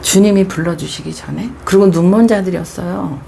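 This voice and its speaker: A woman's voice: fairly low pitch, a little fast, gravelly, dark tone, a little hiss or hum. A middle-aged woman pastor preaching a Bible devotional, telling the story expressively and dropping into whispers for emphasis.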